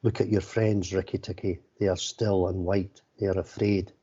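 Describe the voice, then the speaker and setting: A menacing, vengeful she-cobra from a storybook read by a man, threatening in a low, dark voice. The recording is slightly dull. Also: flat delivery, normal speed, slightly rough. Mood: cold menace.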